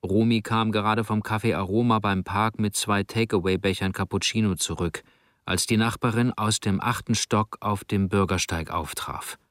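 A man narrating a literary short story in a calm, measured reading. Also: fairly low pitch, no echo, studio quality. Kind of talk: audiobook narration.

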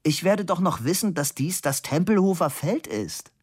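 A man voicing a young man who gives absurd answers in a raised, dry, deadpan voice. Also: on the high side, moderate pace, slightly rough, voice pushed up.

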